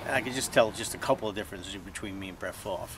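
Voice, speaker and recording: A man's voice: fairly low pitch, fast talker, noisy background. A middle-aged man hosting a fishing vlog, chatty and joking, often tagging his lines with "all right?". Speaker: fishing show host. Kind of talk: casual vlog narration. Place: outdoors on a boat at sea.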